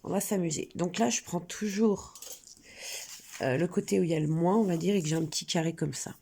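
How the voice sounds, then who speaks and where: A woman's voice: fairly low pitch, brisk, gravelly, dark tone, a little hiss or hum. A woman with a cold, sniffling now and then, chatting casually and hesitantly with many fillers as she talks through her coloring hobby. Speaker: coloring channel creator. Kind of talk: casual crafting vlog.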